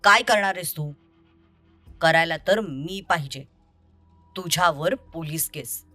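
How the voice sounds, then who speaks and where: A woman voicing an angry young man who confronts his deceitful ex-lover in an audio story, over soft music. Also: low-pitched, slow pace, no echo, voice pushed down, exaggerated voice. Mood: accusing. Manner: accusing, bitter and confrontational.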